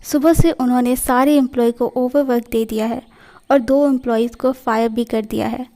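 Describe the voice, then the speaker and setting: A woman's voice: a little high, steady tone, normal speed, mellow, natural voice. A woman voicing a worried young female office worker who speaks in a confiding way in a read-aloud fan story. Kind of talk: storytelling in a fan fiction reading.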